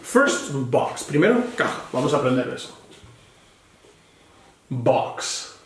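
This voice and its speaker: In a patient one-on-one lesson, a man teaches a child English vocabulary, moving between English and Spanish and spelling words letter by letter. His mid-range voice has a sing-song lilt and a slow pace. The room is echoey, with noise in the background.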